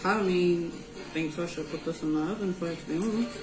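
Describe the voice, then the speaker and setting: A woman's voice: on the low side, fairly quick. A woman with a New Zealand Māori accent giving an easygoing, informal cooking tutorial, mixing in Māori words. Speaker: home cook presenting a recipe. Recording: roomy echo with music behind. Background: music.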